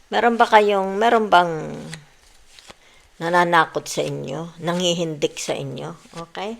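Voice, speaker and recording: Low gravelly woman reading tarot. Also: measured pace, a little hiss or hum. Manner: mixes Tagalog and English, repeats "di ba" and "yan" often; soothing, tells listeners to relax. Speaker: tarot reader.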